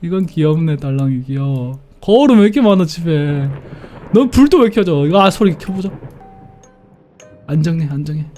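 Male game streamer, scared and jumpy, swearing casually, highish animated voice over faint music. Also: moderate pace. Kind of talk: horror game let's-play commentary, casual chat.

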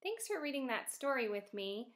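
Here a young adult woman, a first grade teacher, gives a picture book read-aloud to young children with clear, expressive delivery. Her voice is on the high side and sing-song, at a normal speed.

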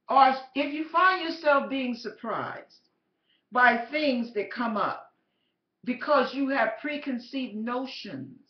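Woman vlogger, high lively voice, slow emphatic delivery, roomy dull-sounding recording. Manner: emphatic, preachy, rhetorical questions. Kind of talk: storytelling exhortation.

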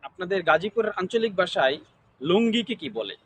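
High-voiced man asking questions. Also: expressive, a little fast, a bit bright, a little hiss or hum. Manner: repetitive, formulaic questioning. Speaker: interviewer. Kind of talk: interview questions.

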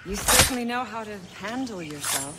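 A woman playing a stern female assassin teacher who gives orders in a dry, teasing way, heard as game audio under loud noise. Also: mid-range voice, expressive, normal speed, close to an everyday voice.

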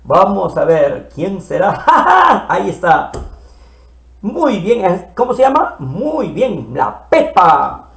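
A man teaching children to read, playfully sounding out syllables slowly and repeating them. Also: high-pitched, sing-song, vocal fry, fairly bright tone, roomy sound. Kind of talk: early reading lesson for children.

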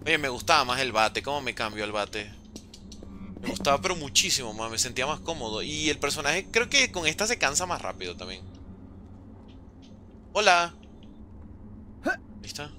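A man casually commentating his gameplay, jokey and excitable, often exclaiming. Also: medium pitch, moderate pace, pauses often, a little hiss or hum. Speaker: gaming host. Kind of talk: let's play commentary.

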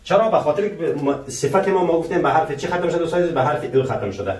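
A man teaching French grammar in Persian, often asking his viewers rhetorical questions and saying the French example sentences slowly. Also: on the high side, expressive. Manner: keeps asking the viewers rhetorical questions, calling them dear friends; slow, careful pronunciation of French example sentences. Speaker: language teacher. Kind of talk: French lesson taught in Persian. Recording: roomy, voice a bit far from the mic.

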